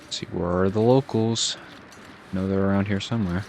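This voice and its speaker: A man with a Boston accent giving relaxed, casual commentary as he plays a game, musing aloud and chuckling at himself. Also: sits low, moderate pace, vocal fry, a little hiss or hum. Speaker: gaming channel host.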